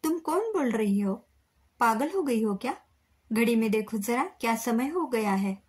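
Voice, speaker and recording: A woman's voice: a little high, animated, moderate pace, darkish tone, slightly rough. A woman voicing an older woman on the phone, talking snappishly in a raised voice. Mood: irritated. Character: older woman, irritable then tearful.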